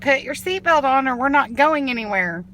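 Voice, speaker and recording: A high-voiced middle-aged woman chats in a car over clear background noise. She is brisk and firm, with an amused edge, like a mother giving orders. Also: animated, bright, forceful tone. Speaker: mother driving. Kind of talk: casual chat. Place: inside a car.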